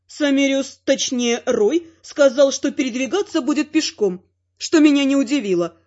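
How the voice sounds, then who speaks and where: A woman with a high voice reads a first-person fantasy audiobook with a wry, ironic edge. The recording sounds somewhat dull and lo-fi. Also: normal speed, darkish tone. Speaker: audiobook narrator.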